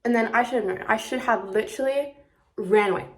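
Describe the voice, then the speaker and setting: Fairly quick and on the high side, this woman's voice comes from a vlogger of about 19, almost 20. Her casual, confessional talk to camera is dramatic, rambling and self-deprecating.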